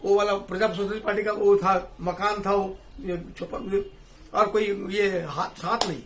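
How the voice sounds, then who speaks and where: Man, very high voice, animated, laughs often, roomy echo. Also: moderate pace, noisy background. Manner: animated, laughing, mixing English phrases. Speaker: discussion panelist. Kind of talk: casual political discussion. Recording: echoey room, distant mic.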